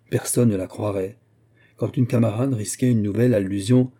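A man narrating a classic novel as an audiobook in a measured, literary way. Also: fairly low pitch, warm tone, slightly rough.

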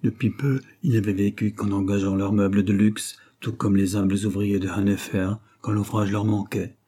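A man narrating an audiobook in a steady, even reading manner. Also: fairly low pitch, normal speed, slightly rough. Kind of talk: scripted narration.

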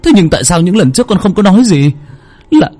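A man's voice: high-pitched, animated, fast talker, warm tone, pitched above the performer's own voice. A man voicing a middle-aged father who sobs and stammers as he cries out to his dead son. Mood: tearful.

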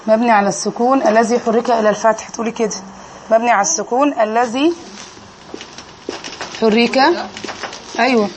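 A woman's voice: on the high side, steady tone, fairly quick, pauses often, darkish tone, slight background noise. A woman with an Egyptian accent teaching an Arabic grammar lesson in a classroom, quizzing her students and drilling them on each answer.

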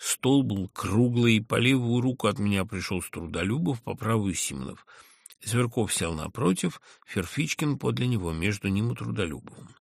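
A man giving an expressive reading of classic literature. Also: on the low side, normal speed, vocal fry, no echo, clean studio sound. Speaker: reader.

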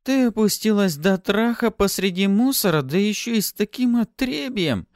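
A man voicing a haughty, hot-tempered female succubus servant with a scornful, shrill manner in an audiobook. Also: very animated, moderate pace, a little mellow, no room sound, studio quality. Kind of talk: audiobook character voice.

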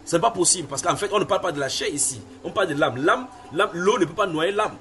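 A man with a high voice and fairly bright tone delivers a Bible sermon at a quick pace, with slight background noise. Emphatic, he reads scripture, repeats phrases, and questions his audience.

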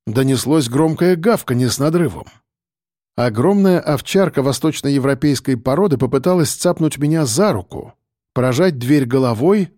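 A man narrating an audiobook in a steady, even storytelling voice. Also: mid-range voice, no echo, studio quality.

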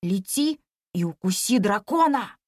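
A woman voicing an excitable, boastful monkey boy in a storybook reading, often whispering eagerly. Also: mid-range voice, a little slow, dry recording, studio quality.

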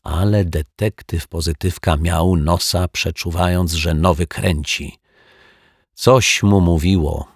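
A man's voice: creaky, breathy edge, no room sound, clean studio sound. A man reading a children's detective story aloud as an audiobook narrator, voicing the characters in turn. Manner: voices the characters with raised pitch and louder delivery.

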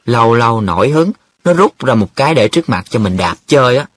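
A man's voice: mid-range voice, very animated, a bit bright, breathy edge, no room sound. A man voicing a cheeky, boastful young man who teases his friends in a dramatic, wheedling way. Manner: wheedling, dramatic, quick teasing banter.

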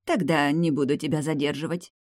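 A gentle, kindly mother from an audiobook, as a male reader puts her on, speaking in a raised, soft voice. The recording is dry and close. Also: fairly high pitch, steady tone, brisk, dry recording, natural voice. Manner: warm and gentle.

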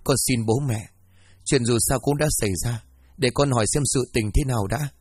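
A calm, firm young wife, as a male narrator puts her on, giving orders and asking questions with composure. The voice is husky and dry. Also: medium pitch, a little fast, dry recording, natural voice.

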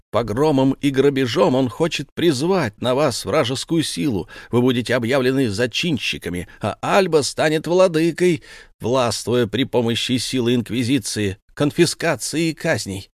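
A man's voice: a little high, no room sound, clean studio sound, pitched above the performer's own voice, natural voice. A man voicing Ulenspiegel, a bold young trickster haranguing a crowd with passion. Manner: impassioned, pleading.

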